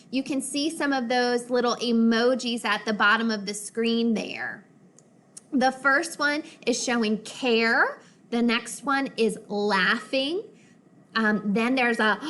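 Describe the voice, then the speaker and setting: A woman's voice: fairly high pitch, a bit bright. A woman teacher explaining vocabulary and reading a story aloud to young children, patiently and with voices for the characters, over a video call. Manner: patient, explaining words slowly, acting out character lines. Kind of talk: read-aloud lesson for children.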